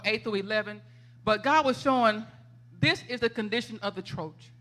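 Woman, preacher, animated storytelling, bright forceful voice, church. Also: medium pitch. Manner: animated, laughing storyteller, conversational. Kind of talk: testimony sermon. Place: church sanctuary.

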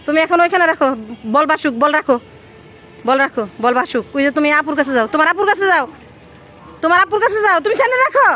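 A woman with a high, light voice speaks in a casual, coaxing way, full of questions and gentle instructions. She records outdoors by the water on a handheld phone. A faint outdoor hum sits behind her. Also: fast talker, long pauses. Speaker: vlogger. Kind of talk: casual vlog talk with a child.

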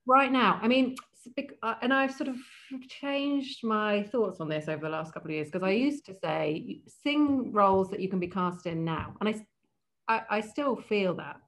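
An opera casting director, a woman with a mid-range, fairly bright voice, speaks at normal speed as a guest in a video call interview. Her talk is casual and thoughtful, and she often restarts her sentences.

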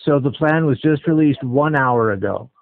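A man with a gravelly, mid-range voice talks at a moderate pace on a tinny narrowband phone line, a crowd audible behind him. He's stringing scam callers along, questioning them bluntly and skeptically.

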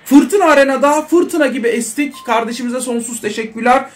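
A young man giving casual, excitable commentary over a mobile football game, chatting to his viewers. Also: extremely high pitch, fairly quick. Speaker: mobile football gaming creator.

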